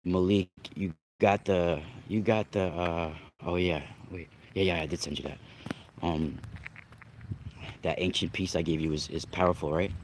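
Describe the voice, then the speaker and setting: On a low-quality recording with a little hiss or hum, a young male livestream host and spiritual reader talks casually to his chat, saying hello to viewers. His low-pitched, slightly nasal voice keeps a fairly even intonation at a normal speed, though a cold leaves him congested and coughing. He wanders off topic and frequently starts over.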